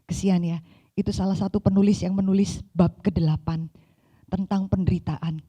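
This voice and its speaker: A woman vicar giving a seminar sermon, reading a passage and then telling stories in an expressive voice, now and then dropping in English words. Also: mid-range voice, normal speed. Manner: mixes English words into talk, addresses listeners as saudara; expressive, shifts between reading aloud and lively telling. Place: church seminar hall.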